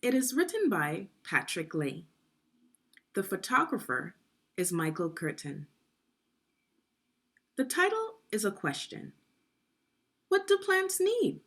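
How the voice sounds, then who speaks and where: This mid-range female voice moves slowly, leaving long pauses, with huge swings in pitch and a slightly bright tone. She narrates a read-along for children, pronouncing every word clearly, explaining things and putting questions to the young audience.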